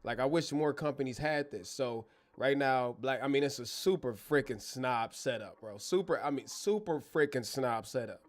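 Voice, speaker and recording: Talking at normal speed with hardly any pauses, a man with a medium-pitched voice hosts a casual live Q&A from his bedroom studio. He's an American, born in Germany, who jokes and uses slang while speaking directly to his chat. A wireless clip-on mic picks him up.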